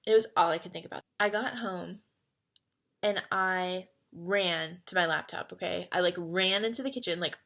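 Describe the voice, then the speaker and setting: Chatty vlogger, woman in her twenties, bright tone, filler-heavy casual talk. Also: lowish voice, moderate pace, vocal fry. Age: 20s. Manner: swings from excited to quiet and earnest. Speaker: vlogger answering fan questions. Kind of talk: casual chat.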